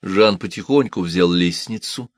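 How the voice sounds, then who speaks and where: A man narrating a storybook in a steady audiobook reading. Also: low-pitched, unhurried, no echo, clean studio sound.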